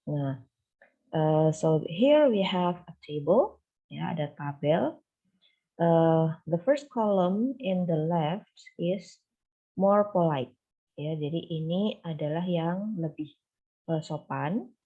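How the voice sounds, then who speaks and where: A woman gives a bilingual English lesson, explaining phone phrases patiently with frequent fillers. Her voice is low, husky and mellow. The recording sounds dull and lo-fi. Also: lively intonation, slow pace. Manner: explains patiently, switching between two languages with frequent fillers. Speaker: English teacher.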